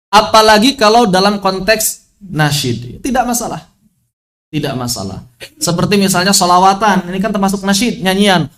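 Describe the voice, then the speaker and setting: A man with a high voice teaches an online recitation lesson through a video call. He explains patiently, repeating key phrases and slipping between formal teaching and casual asides. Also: fairly bright tone. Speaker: religious teacher.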